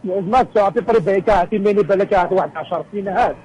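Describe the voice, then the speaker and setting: A man phoning in to a radio show, telling a rambling story with many pauses and fillers. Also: high-pitched, a little mellow, husky, low-quality recording. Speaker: caller. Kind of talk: phone call to a radio show.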